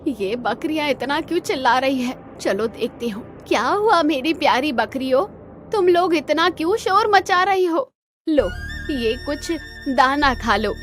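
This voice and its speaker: A woman's voice: high-pitched, expressive, unhurried, faint music behind. A woman voicing a stubborn, loving old grandmother, scolding and grieving in a cartoon story. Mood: worried. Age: over 60.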